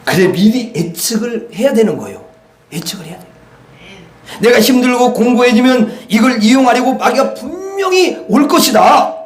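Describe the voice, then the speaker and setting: Male pastor, high voice, emphatic sermon delivery; roomy church hall. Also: sing-song, moderate pace. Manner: emphatic, repeats and addresses the congregation. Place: church sanctuary. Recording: echoey church hall, faint noise.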